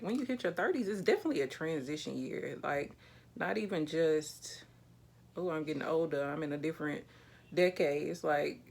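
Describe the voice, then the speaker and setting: Low, gravelly-voiced woman chatting casually. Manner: relaxed, candid, chatty with slang and light swearing. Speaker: beauty vlogger. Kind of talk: casual chat while doing makeup. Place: small indoor room with a plain backdrop.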